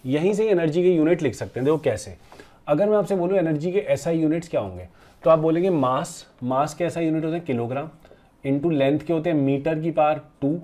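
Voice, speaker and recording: Male physics teacher, mellow and slightly high-pitched, patient step-by-step classroom explainer who keeps questioning his students. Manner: calls students "beta" and "bachche" fondly; mixes English terms into his speech. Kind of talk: classroom lecture at a board.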